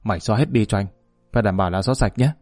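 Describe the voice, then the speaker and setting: A man's voice: on the low side, very fast, a little mellow, no echo, clean studio sound, faint music behind, lightly acted. A man voicing a curt, commanding male boss giving orders in a spoken story.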